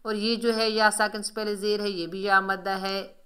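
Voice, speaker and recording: A woman's voice: medium pitch, flat delivery, normal speed, a bit bright. A woman teaching Quran recitation rules, patiently explaining pronunciation step by step and drawing out recited words as examples. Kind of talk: tajweed lesson explaining pronunciation.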